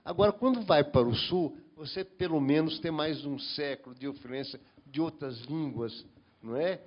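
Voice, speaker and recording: A man from the Brazilian Northeast, whose voice sits on the high side, contributes lengthy comments to a panel discussion at a moderate pace. He often begins his sentences again, and the sound quality is lo-fi.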